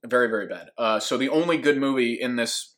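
A man's voice: medium pitch, fairly quick, a bit bright. A man co-hosting a casual podcast chat about upcoming movies, enthusiastic, laughing often, with many fillers. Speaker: podcast co-host.

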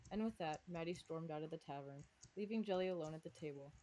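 A woman's voice: deep voice, quick pace, dark tone, a little hiss or hum. A woman with a slight lisp on her S sounds, reading her own fanfic aloud to friends and breaking off for giggly asides. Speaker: fanfic reader and author.

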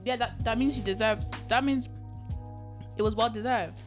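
A woman's voice: fairly high pitch, normal speed, soft background music. Chatty nineteen-year-old woman podcasting. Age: late teens. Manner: loose and chatty, laughs often, swears casually. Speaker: podcast co-host. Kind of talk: casual late-night podcast chat.

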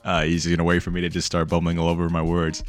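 Tipsy low-voiced podcast host. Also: male voice, monotone, quick pace, soft background music. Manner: rambling, self-mocking, laughs often. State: a little tipsy. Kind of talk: casual podcast chat.

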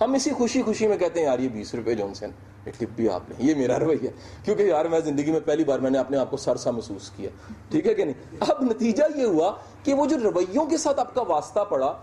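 A man's voice: on the high side, warm tone, slight background noise. A man giving a conversational motivational lecture, acting out little dialogues to make his points. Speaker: motivational speaker.

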